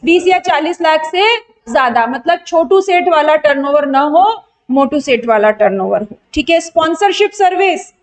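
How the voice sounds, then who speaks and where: High-voiced Indian woman quizzing a class. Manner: quizzing students and answering her own questions; mixes Hindi with English technical terms. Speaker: GST exam tutor. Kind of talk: online revision lecture.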